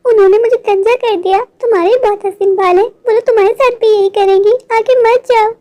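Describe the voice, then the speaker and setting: A bald ghost witch out of a storybook, mournful and full of warnings that turn into menace, as a woman puts her on. The voice stays high. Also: steady tone, a little fast, dark tone. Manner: warning and mournful, then threatening. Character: bald vengeful female ghost witch, sorrowful. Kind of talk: storybook voice acting.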